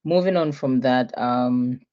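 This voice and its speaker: A woman's voice: a bass voice, slow pace, muffled recording. A young woman from Ghana, a guest in an online interview, introducing herself in a friendly way with many filler sounds and easy laughter.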